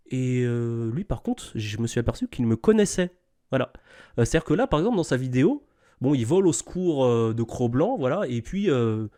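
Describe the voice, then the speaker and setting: Man, medium-pitched, mellow dark timbre, scornful, lecturing, informal off-the-cuff commentary. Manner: scornful, lecturing, punctuated with tag questions. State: sick. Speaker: reaction video commentator.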